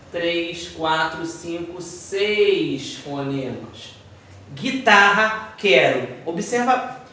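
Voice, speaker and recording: A man teaching a Portuguese phonetics lesson, spelling words out slowly and counting letters aloud, and sometimes putting his students' questions to himself. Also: high-pitched, recorded from a distance, slight background noise. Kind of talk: video lesson explaining phonetics. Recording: echoey room, voice from off-mic.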